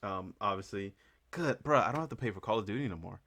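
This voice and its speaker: Bright-voiced laughing podcast host man. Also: on the low side, lively intonation, quick pace. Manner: laughs often, loose slangy talk. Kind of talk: casual chat.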